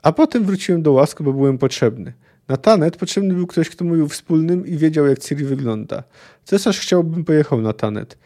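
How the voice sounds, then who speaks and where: A man reading the part of an earnest, lovesick young knight, in a calm, plain voice. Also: a little high, fairly quick.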